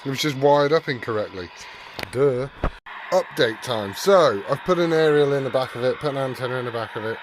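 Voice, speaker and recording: This mid-range male voice is expressive and a little fast, heard over a noisy background. He is a hobbyist host filming an informal, sweary hands-on repair vlog, muttering to himself as he works.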